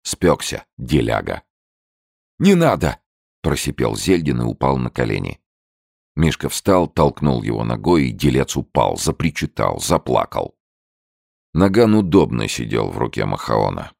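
Very deep, gravelly male narrator. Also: sing-song, moderate pace, darkish tone, dry recording, studio quality. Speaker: audiobook narrator. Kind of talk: dramatic crime-novel narration.

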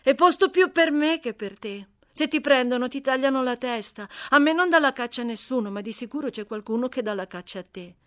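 Lady putting on a loud bossy runaway girl, yaps on and on, higher voice. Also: expressive, brisk, few pauses, no echo, studio quality. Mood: brash. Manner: chatty, blunt, scolding. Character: brash talkative young runaway girl. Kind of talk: audiobook character reading.

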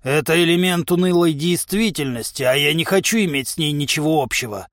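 Guy doing a huge puffed-up brawler, slow grand declaiming, sulky, kinda high and loud, dry audiobook sound. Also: no room sound. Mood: sulky pompous. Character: pompous boastful giant male brawler prisoner. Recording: dry close studio sound.

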